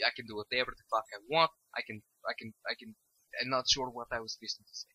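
A man's voice: mid-range voice, fairly even intonation, quick pace, pushed and bright, slightly rough, low-quality recording. A tired young man rambling through casual gameplay commentary, swearing freely and losing his train of thought. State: tired and stoned. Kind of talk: casual let's-play commentary.

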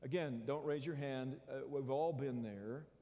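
A pastor with an Oklahoma American accent delivering a folksy, conversational sermon with call-and-response. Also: male voice, mid-range voice, measured pace, dark tone, lo-fi sound. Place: large church sanctuary. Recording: long church-hall reverb.

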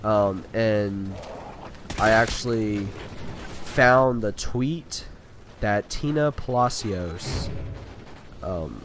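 Sick and sounding stuffy and nasal, a man who makes gaming videos chats casually over his gameplay, rambling and talkative with frequent fillers. He speaks low, drawing out words and pausing often. Faint music sits behind him, along with loud video game gunfire and sound effects.

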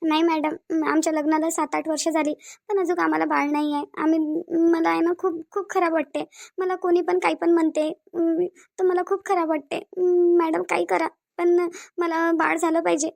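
A woman's voice: high voice, flat delivery, fast, vocal fry, no echo. Woman voicing a tearful cartoon wife. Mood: sorrowful. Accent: Varhadi Marathi. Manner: tearful, pleading. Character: sorrowful young wife longing for a baby.

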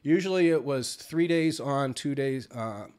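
A man's voice: mid-range voice, a little slow, a little mellow, clean tone. A middle-aged man, sounding congested from a cold, talking in a rambling, conversational vlog style with plenty of filler words. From United States. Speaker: vlogger. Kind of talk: casual vlog chat.

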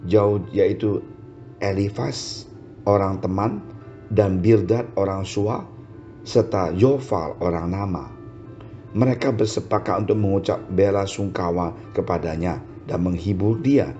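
A man's voice: sits low, mellow. A male pastor preaching a sermon in a storytelling manner, often adding "ya" as a tag. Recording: dull lo-fi sermon recording.

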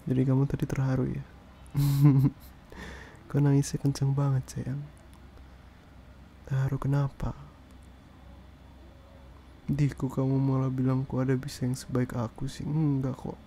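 Soft-spoken man in whispered role-play. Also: mid-range voice, completely flat delivery, moderate pace, vocal fry, pauses often, a little hiss or hum. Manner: soft, gentle comforting tone; hushing and soothing. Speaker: ASMR performer.

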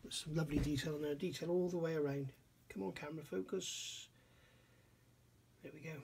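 A man's voice: fairly high pitch, steady tone, a little fast, creaky, a little mellow, slight background noise. A middle-aged man reviewing a scale model kit at his workbench, thinking aloud and often questioning himself. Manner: musing, self-questioning, admiring. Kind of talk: casual hands-on kit review. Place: workbench indoors.

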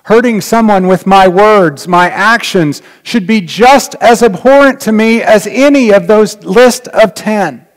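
A man's voice: sits high, unhurried, hardly any pauses. A middle-aged man preaching a sermon from a church pulpit, earnest and reflective, dropping to a near-whisper on key points. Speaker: pastor. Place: large church sanctuary. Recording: long reverb of a church hall.

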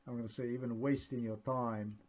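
A man with a husky, breathy voice talks through a screen recording. He rambles excitedly and narrates each step as he clicks through files. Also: mid-range voice, a little fast, poor audio. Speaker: vlogger.

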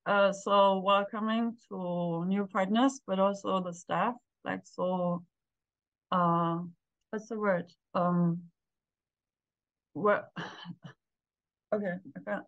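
A woman in her forties hosting a casual interview over a video call, gushing and warm, often pausing to search for words. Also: medium pitch, steady tone, no room sound. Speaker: podcast host. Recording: dry, muffled video call audio.

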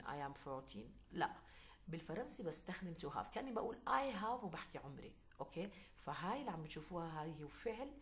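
A woman with a Levantine Arabic accent and a low voice walks children through French phrases in an online lesson. She goes patiently, says each phrase slowly and checks in often. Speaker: French teacher.

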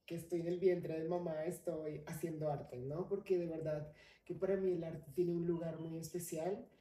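A young adult woman from Colombia speaks, her voice somewhat low and very mellow. She tells her story in a lively, playful way as a podcast guest. The sound is roomy, with the mic some distance off. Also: normal speed. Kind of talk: casual interview chat.

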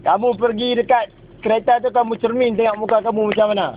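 A very high-voiced man with a Kedah accent from northern Malaysia delivers a taunting, preachy telling-off. It comes through tinny and phone-like from inside a vehicle, with some noise around him. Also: flat delivery, quick pace. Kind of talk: mock sermon and scolding in casual street talk.

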